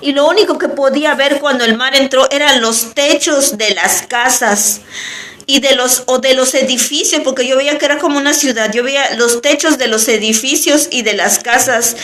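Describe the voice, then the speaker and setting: A woman gives an earnest spoken testimony, pitched somewhat high for a woman. She talks haltingly, restarting and repeating phrases as she goes. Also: fairly bright tone. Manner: repetitive, halting, many restarts.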